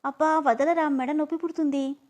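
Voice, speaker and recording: A woman's voice: a little high, a little fast, a little mellow, close to an everyday voice. A woman reading a story aloud, voicing a stubborn young woman who whines and protests shrilly. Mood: whiny.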